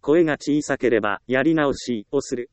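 A man narrating a self-help book in a calm, measured reading voice with even pauses. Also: medium pitch, noisy background. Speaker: audiobook narrator.

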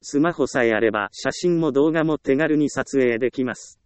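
Guy reading self-help stuff, calm and measured, lots of little pauses, dry close sound. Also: mid-range voice, smooth, no echo. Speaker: narrator. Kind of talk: scripted self-help narration.

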